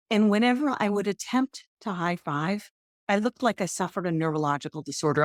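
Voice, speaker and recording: A woman's voice: no room sound, studio quality. Chatty self-deprecating woman podcast host. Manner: chatty and self-deprecating, with lively pitch jumps. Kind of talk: personal storytelling monologue.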